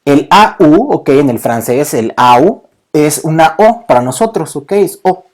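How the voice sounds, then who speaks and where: A man's voice: on the high side, animated, measured pace. A man teaching a beginner French lesson, patiently explaining and peppering his talk with "ok". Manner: patient, says "ok" constantly.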